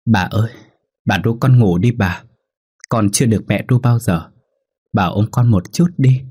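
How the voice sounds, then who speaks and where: A man's voice: lowish voice, moderate pace, dark tone, husky. A man voicing the ghost of a small abandoned child who pleads plaintively and tearfully in a storybook ghost tale. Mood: pleading, mournful.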